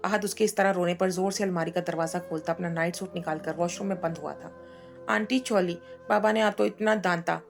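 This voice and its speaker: A woman narrating a romance novel aloud in a steady storytelling voice. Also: on the low side.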